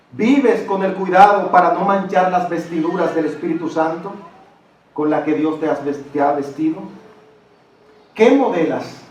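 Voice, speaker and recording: Male pastor, high voice, preaching with rhetorical questions, recorded from far off in an echoey church. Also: a little mellow. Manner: asks the congregation rhetorical questions. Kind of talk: sermon.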